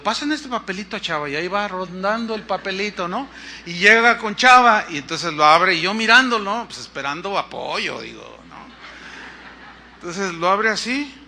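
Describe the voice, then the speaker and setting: Male pastor, high bright voice, lively storytelling sermon. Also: a little hiss or hum. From Mexico. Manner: storytelling, acts out dialogue with shifting pitch and volume. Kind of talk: sermon testimony.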